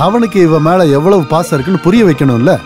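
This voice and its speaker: A man's voice: fairly high pitch, expressive, fast talker, darkish tone, close to an everyday voice. A man playing a kindly, reassuring relative. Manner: reassuring, reasonable. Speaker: film character. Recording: film soundtrack with faint music.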